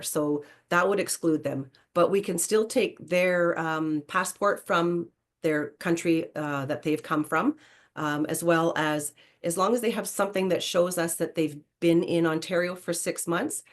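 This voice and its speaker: A woman's voice: low voice, fairly even intonation, normal speed. A woman, giving an informal explanatory presentation as a program presenter.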